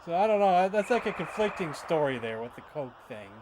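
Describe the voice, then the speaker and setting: A man's voice: fairly high pitch, sing-song, brisk, noisy background. A man with a Michigan accent chatting casually and rambling, often repeating words as he tells stories. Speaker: streamer. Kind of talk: casual chat.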